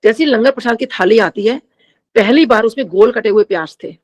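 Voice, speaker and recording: A middle-aged woman with a fairly high voice speaks briskly as she shares a spiritual testimony with a congregation. She speaks in Hindi sprinkled with English phrases and frequently addresses her listeners directly.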